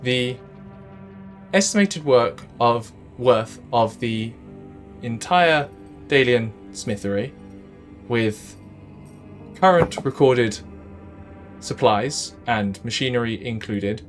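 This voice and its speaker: A man playing a factory AI that speaks in an even, polished, almost too smooth way, stiffly following its rules. The voice sits at a mid pitch for a man. It comes from a spoken tabletop game with faint music underneath. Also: slow pace, long pauses, lightly acted. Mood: formal. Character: calm, rule-bound AI guarding a factory. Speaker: game master.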